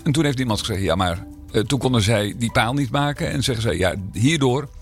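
Faint music plays behind a mayor as he talks in a podcast interview at a quick pace and medium pitch. He has a slight cold and a rough throat, and he comes across as hesitant, full of fillers and restarts.

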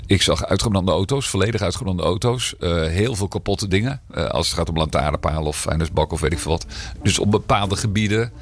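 A man's voice: deep voice, fairly quick, no echo. A man serving as mayor, talking in a podcast interview with a slight cold, hesitant and full of fillers and restarts. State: slight cold, rough throat.

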